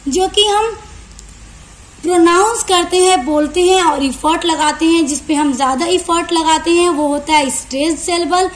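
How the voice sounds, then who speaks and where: A woman teacher, explaining a lesson to students. She reads definitions slowly, then explains them in quick, long runs. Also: very high voice. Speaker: online tutor. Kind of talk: lecture for university students.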